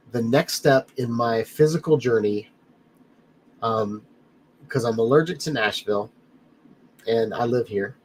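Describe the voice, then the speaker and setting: A livestream host in his home studio chats casually, reading comments, greeting viewers by name, and rambling in a friendly way, his nose slightly stuffed up. His voice is mid-range, and the low-quality recording carries some hiss or hum.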